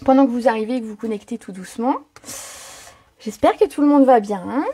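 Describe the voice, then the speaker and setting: High husky voiced woman doing a live stamping craft stream, lots of euh and voilà. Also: fairly quick, warm tone, faint music behind. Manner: chatty, filler-heavy, greets viewers by name. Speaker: card-making demonstrator. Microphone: home setup, own mic.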